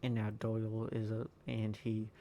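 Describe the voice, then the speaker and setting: A man recording a tired, halting voice-over over his own sports video game footage, full of ums and uhs. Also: monotone, dark tone, slight background noise. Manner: low-key, halting, lots of ums and uhs. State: tired, yawning. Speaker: gaming YouTuber.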